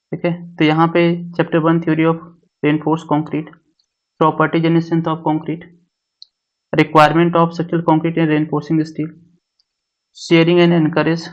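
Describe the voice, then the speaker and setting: A man teaches an exam syllabus, listing topic after topic and going over each one twice. His voice sits a little high and stays almost monotone. The recording sounds dull and lo-fi. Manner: repeats each point, mixing English syllabus terms into Hindi. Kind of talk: syllabus walkthrough lecture.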